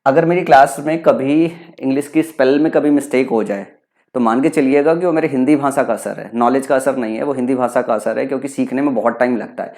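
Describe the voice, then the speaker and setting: A man's voice: mid-range voice, fairly quick, darkish tone. A young man with a Bihari accent teaching English vocabulary for an exam, explaining terms and repeating them, often asking a question and then answering it himself. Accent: Bihari Hindi. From Bihar, India. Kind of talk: exam prep lecture.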